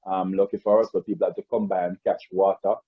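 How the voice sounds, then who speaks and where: A Jamaican-accented man with a low voice speaks quickly and flatly, with a breathy edge, as a guest in a casual interview. He rambles through stories of growing up, restarting often and repeating words, on tinny video-call audio without echo.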